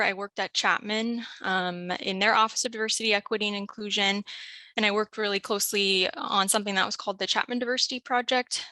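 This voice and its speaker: A woman's voice: mid-range voice, pushed and bright, dry recording. A woman in her thirties, a university staff member speaking casually on a panel with many "um" and "like" fillers. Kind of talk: panel talk about her career.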